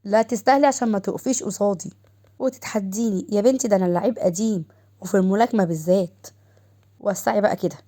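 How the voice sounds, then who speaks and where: A woman's voice: medium pitch, quick pace, dark tone, close to an everyday voice. A woman voicing a boastful, teasing young husband with an Egyptian accent. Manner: teasing, coaxing.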